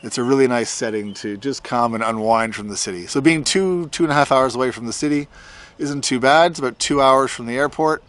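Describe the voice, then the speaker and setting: A man's voice: medium pitch, a little fast, fairly bright tone. A man of fifty from Australia giving a casual, conversational video update outdoors in his farm's front yard. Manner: informal, conversational. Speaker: tattoo artist vlogger. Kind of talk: casual update talk to camera.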